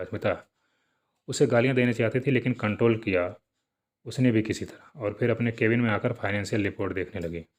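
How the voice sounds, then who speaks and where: A man reading a serialized story aloud in plain, steady narration with small asides. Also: fairly low pitch.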